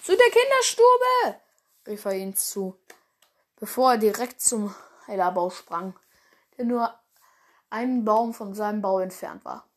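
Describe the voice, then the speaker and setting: A woman's voice: medium pitch, fairly even intonation, measured pace, pauses often. Woman reading a story, constant self-corrections. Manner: stumbles often and corrects herself mid-sentence; casual slangy asides between passages. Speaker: story reader. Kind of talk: reading her own animal fan story aloud.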